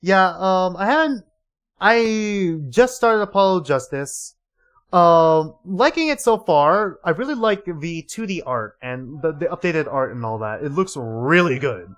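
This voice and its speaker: A man's voice: fairly high pitch, a bit bright. A tired young man with a slightly sore throat, chatting casually while streaming and reading game dialogue. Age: young adult. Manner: rambling, many fillers, reads dialogue aloud. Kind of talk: casual live gameplay commentary.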